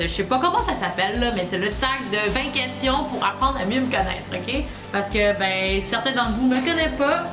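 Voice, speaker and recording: A woman in her twenties from Quebec with a Québécois accent, chatting casually to camera as a travel vlogger. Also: high-pitched. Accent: Québécois French. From Quebec, Canada. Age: 20s. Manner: chatty and relaxed, loose colloquial speech. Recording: echoey room with music behind.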